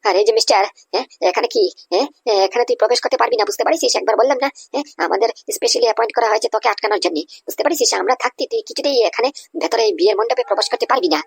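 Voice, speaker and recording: A woman doing a high-voiced, scolding cartoon guard boss. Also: lively intonation, rapid-fire, vocal fry, pauses often, breathy edge, no room sound, heavily acted. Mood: scolding tough. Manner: scolding, threatening. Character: tough bossy adult male guard leader. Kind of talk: Bengali animated comedy dub.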